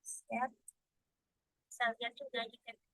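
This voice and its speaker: A young woman presents a class tutorial in a relaxed, friendly way, letting sentences trail off now and then. Her voice is bright and slightly high. The sound is dry, with no room echo. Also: measured pace. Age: young adult. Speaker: student presenter.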